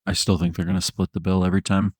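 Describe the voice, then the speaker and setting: A man with a fairly low voice talks football in loose, rambling chat, laughing partway through his sentences and swearing now and then. The sound is dry and close, with no room around it. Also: level tone, racing, slightly rough, no room sound. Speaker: podcast co-host. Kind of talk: casual sports chat.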